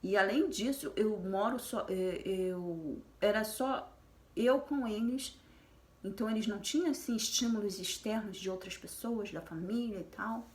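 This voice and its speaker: A woman's voice: mid-range voice, a little slow, a little mellow. A woman sharing her story as a mother of twins in a casual personal vlog, talking in a chatty way with many fillers and restarts. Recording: echoey room.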